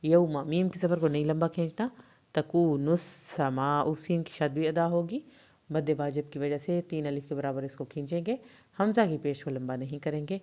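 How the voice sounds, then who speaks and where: A woman teaching Quran recitation in Urdu with a Pakistani accent, reciting verses slowly and drawn out, then explaining the pronunciation rules quickly. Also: deep voice, mellow.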